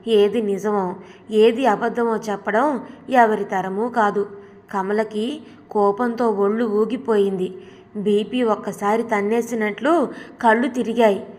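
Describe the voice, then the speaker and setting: A woman narrating a story in a calm, steady reading voice. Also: mid-range voice, measured pace. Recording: long hall reverb.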